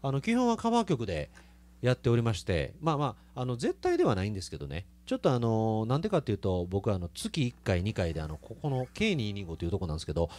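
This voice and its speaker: A man's voice: lowish voice, wildly swooping pitch, quick pace, darkish tone. A man with a Kansai accent, a singer chatting casually with his live stream audience between songs, laughing often. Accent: Kansai Japanese. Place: small live music venue.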